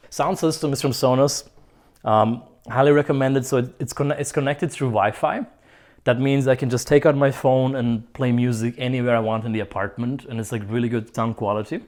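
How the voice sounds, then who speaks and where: A young man from Croatia, vlogging a casual tour of his apartment, joking and chuckling often. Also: medium pitch. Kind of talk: casual chat. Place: apartment, indoors.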